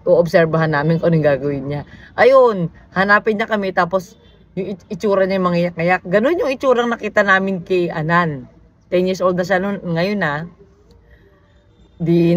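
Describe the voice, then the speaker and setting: Mom vlogger chatting away, animated storytelling, bits of faint noise behind her. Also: on the low side, dull audio. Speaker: vlogger, mother of two. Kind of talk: casual storytelling vlog.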